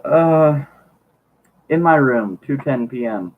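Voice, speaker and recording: A man's voice: medium pitch, lively intonation, takes it slowly, slight background noise. A man casually reading a teen diary novel aloud, now and then stumbling over words and laughing. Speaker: reader. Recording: tinny phone-like lo-fi recording.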